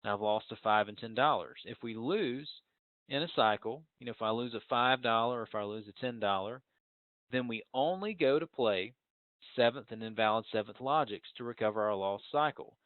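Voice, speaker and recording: A man's voice: mid-range voice, brisk, no echo. A man teaching a recorded class in a conversational way, with many fillers and restarts. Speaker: trading instructor. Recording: dry, phone-like narrow sound.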